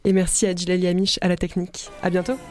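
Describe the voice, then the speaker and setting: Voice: medium pitch, completely flat delivery, fast, over loud music. A radio interviewer asking brief questions and summarizing the program steadily.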